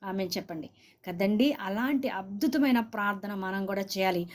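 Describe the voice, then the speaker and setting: A woman's voice: mid-range voice, moderate pace. A woman preaching a sermon, urging her listeners to say amen and speaking straight to viewers. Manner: exhorting, asks listeners to say amen; speaks directly to viewers and comments.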